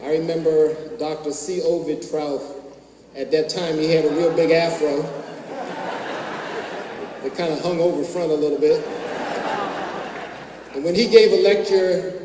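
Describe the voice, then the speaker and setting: A man's voice: on the high side, fairly even intonation, unhurried, pauses often. A middle-aged man, a doctor, giving a graduation speech with anecdotal, self-mocking humor. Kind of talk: ceremony speech, storytelling. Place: large hall. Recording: echoey hall from far off, faint hum.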